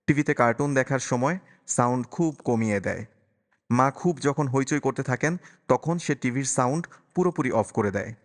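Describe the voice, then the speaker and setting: A man narrating an audiobook in a calm, measured storytelling voice. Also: medium pitch. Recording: long reverberant echo.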